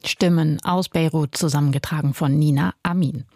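A woman hosts a radio news program, posing questions to a guest in a clear, composed, formal manner. Her voice sits on the lower side for a woman. The sound is close and dry, with no room around it. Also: steady tone, moderate pace, a little mellow, no echo. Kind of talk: radio interview and news presenting.

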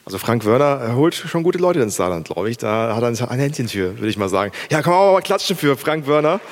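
A man hosts a live concert, upbeat as he announces performers by name, calls for applause, and interviews a student on stage. His mid-range voice is very animated and brisk.

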